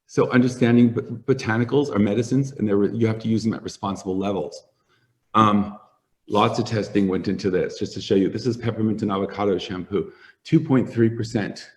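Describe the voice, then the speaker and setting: Low-voiced man telling lively stories. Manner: animated storyteller, acts out quoted voices. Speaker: hair stylist and product formulator. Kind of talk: sit-down interview, storytelling.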